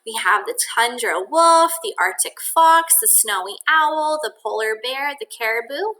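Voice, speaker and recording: A high-pitched female teacher reads a nonfiction children's book aloud, expressive and deliberate, pausing for think-aloud comments aimed at the kids.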